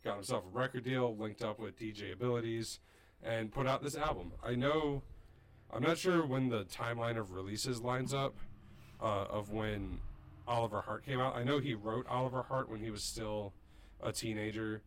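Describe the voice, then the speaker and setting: Man, podcast co-host, medium pitch, casual chat, enthusiastic rambling explainer. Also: normal speed.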